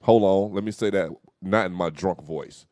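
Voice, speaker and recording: A young man co-hosting a casual talk show, talking in loose slang and telling animated stories. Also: sits low, moderate pace, no room sound, clean studio sound. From Dallas, Texas. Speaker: host. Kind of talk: casual podcast chat.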